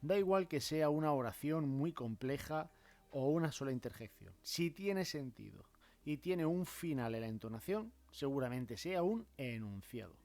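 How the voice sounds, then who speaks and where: A man teaching a grammar lesson in a measured way, acting out example phrases with clear rises and falls in intonation. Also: a little high, expressive, a little mellow, soft background music. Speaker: language teacher.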